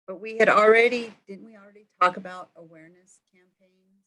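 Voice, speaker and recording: A woman's voice: medium pitch, fairly even intonation, brisk, fairly bright tone, poor audio. A woman on a remote committee meeting, talking hesitantly and restarting her phrases while her audio keeps cutting in and out. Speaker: committee member. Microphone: computer or camera mic on a video call.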